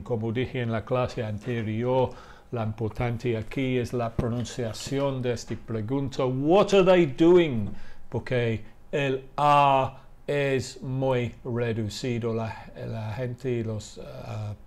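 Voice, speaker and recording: A man teaching English in Spanish in a live online class, explaining slowly and patiently and repeating model phrases. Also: mid-range voice, steady tone, a little mellow.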